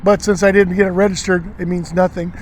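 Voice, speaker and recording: Brief: high-pitched male host, animated rambling storyteller, outdoors. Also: fast talker. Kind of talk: casual storytelling chat. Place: outdoors at a marina.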